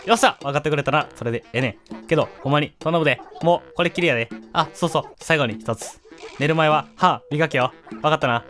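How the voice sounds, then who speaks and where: A man's voice: on the high side, quick pace, a bit bright, soft background music, lightly acted. A man voicing a grumpy, short-tempered male mole, scolding the player in a Kansai dialect while reading game dialogue aloud. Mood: grudging. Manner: gruff, scolding, exasperated lecturing.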